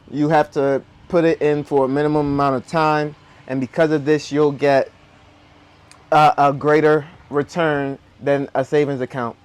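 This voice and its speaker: Higher-pitched man speaking with braces. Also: smooth. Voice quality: speaking with dental braces, slightly impeded articulation. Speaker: host of a personal finance video. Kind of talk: explanatory talk to viewers.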